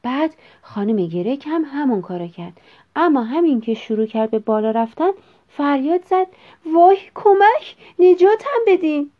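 A woman reading a children's story aloud in an expressive, measured way. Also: on the high side. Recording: dull lo-fi recording.

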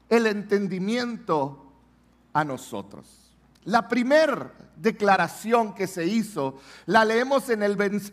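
A man preaching a sermon as pastor, emphatic and putting questions to the congregation. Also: high voice.

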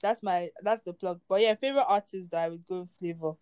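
A woman's voice: fairly low pitch, fairly quick, darkish tone, smooth, dry recording. A woman chatting casually as a podcast co-host, enthusiastic and exclamatory. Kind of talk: casual chat.

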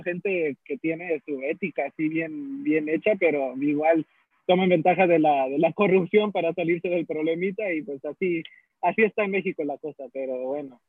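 A man's voice: on the high side, no room sound. A young man from the United States chatting casually as a guest, rambling with many fillers and restarts. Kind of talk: casual conversation. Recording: tinny phone-like sound, dry.

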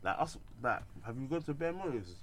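A man's voice: medium pitch, very animated, brisk, fairly bright tone, a little hiss or hum. A young man with a London roadman accent, chatting casually and telling anecdotes in heavy street slang with frequent 'innit' tags. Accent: London roadman, multicultural London English. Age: young adult. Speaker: student event promoter.

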